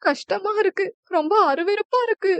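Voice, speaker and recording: A woman's voice: extremely high pitch, moderate pace, vocal fry, no room sound, lo-fi sound, pitched above the performer's own voice. A woman voicing a frightened young woman who pleads through sobs in a storybook reading. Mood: hurt. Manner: pleading and sobbing.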